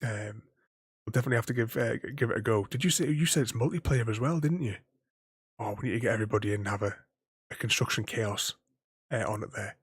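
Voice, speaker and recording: A man's voice: medium pitch, fast, husky, dry recording, clean studio sound. A man chatting casually on a gaming livestream. He stutters and repeats words, laughs often and keeps thanking his viewers. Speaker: gaming streamer.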